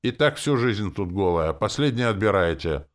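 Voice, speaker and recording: A man's voice: on the low side, animated, moderate pace, voice pushed up, close to an everyday voice. A man voicing a grumpy, foul-mouthed female guard dog who growls and snaps. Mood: grumbling. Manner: snarling, swearing.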